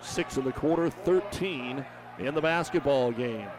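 A man calling a high school basketball game play by play on radio, his calls rising in excitement on big plays. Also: a little slow. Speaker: play-by-play announcer.

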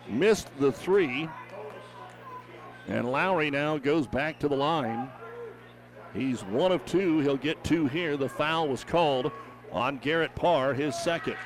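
A man calling a high school basketball game play by play on radio, his calls rising in excitement on big plays. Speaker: play-by-play announcer.

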